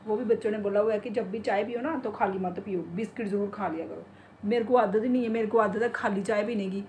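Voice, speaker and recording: A woman's voice: mid-range voice, fast, darkish tone, a little hiss or hum. Chatty middle-aged woman vlogging at home. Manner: chatty, rambling, talks to her pet. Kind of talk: casual chat to camera. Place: home kitchen and bedroom. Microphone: phone in hand.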